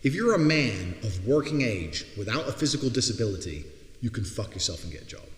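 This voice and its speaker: A man's voice: on the low side, big pitch swings, a little fast. Blunt, profane man ranting in a roomy hall. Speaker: commentator. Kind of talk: ranting opinion monologue. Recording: roomy hall with long reverb.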